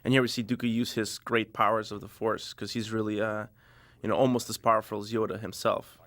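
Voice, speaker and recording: Man giving a relaxed DVD commentary. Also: lowish voice, brisk, no room sound. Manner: relaxed, rambling, many fillers. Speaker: director.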